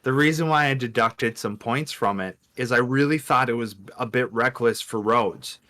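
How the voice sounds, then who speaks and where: A man of middling pitch co-hosts a casual podcast chat. He talks loosely and now and then slips into mock voices to quote people. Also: normal speed, sharp tone. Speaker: podcast co-host.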